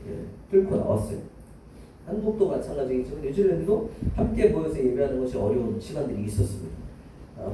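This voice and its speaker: A man's voice: on the high side, dark tone, slight background noise. Echoey, distant-sounding preaching man. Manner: earnest, addresses the congregation often. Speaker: missionary preacher. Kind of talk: sermon. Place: church hall. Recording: echoey church sound from far off.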